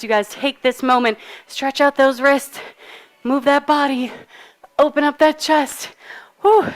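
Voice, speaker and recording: A woman coaching a live workout, out of breath while she cues moves and counts down. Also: high-pitched. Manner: upbeat, encouraging, cues moves while exercising. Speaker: fitness instructor. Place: fitness studio.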